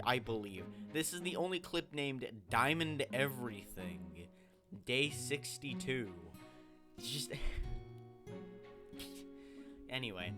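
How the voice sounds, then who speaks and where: A man giving casual, rambling voiceover commentary on his own gameplay, often correcting himself as he goes. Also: on the low side. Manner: rambling, self-correcting, chatty. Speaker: gaming channel host.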